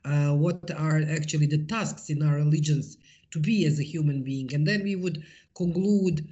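A woman's voice: sits low, normal speed, mellow, dull audio. A middle-aged woman with a Bosnian accent giving a personal interview account, hesitant and often searching for words. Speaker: interviewee, interfaith peace-building activist.

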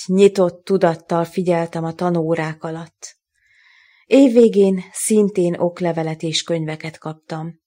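A woman author reading her own literary prose aloud in a slow, measured, grave manner. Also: on the low side, mellow.

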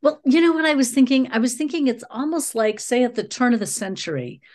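A woman's voice: high-pitched, lively intonation, brisk, darkish tone. A woman hosting a casual, conversational interview. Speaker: podcast interviewer.

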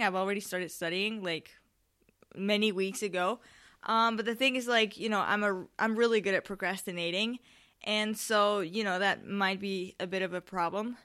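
A teenage girl from Spain chats on her own podcast, rambling and interrupting herself with frequent ums. Her voice is smooth and clear, at an ordinary pitch for a young woman. She sounds a little tired and nervous. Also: bright, forceful tone. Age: late teens. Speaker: podcast host. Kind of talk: casual solo podcast chat.

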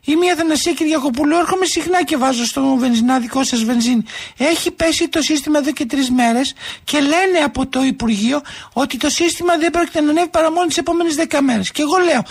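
A man on a prank phone call, playing a pleading middle-aged woman who keeps apologizing and whining. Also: very high-pitched. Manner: overly apologetic, whiny, tearful pleading. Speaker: prank caller.

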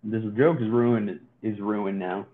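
A lower-voiced man cracks jokes and rambles through a casual podcast chat, often restarting his sentences. His voice comes through thin and tinny, as if over a phone line. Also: fairly even intonation, takes it slowly. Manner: joking, rambling with many restarts. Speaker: podcast co-host.

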